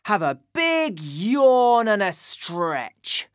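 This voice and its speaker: Slow, lively woman leading kids' singing. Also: mid-range voice, no echo. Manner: slow, lively, sing-song instructions to children. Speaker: children's music presenter. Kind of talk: school radio singing lesson. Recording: dry studio sound.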